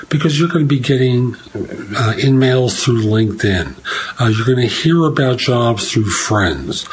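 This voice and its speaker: A man hosting his own career podcast, speaking in a relaxed monologue full of advice and uneven pacing. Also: mid-range voice, a little hiss or hum, poor audio. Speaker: podcast host and career advisor.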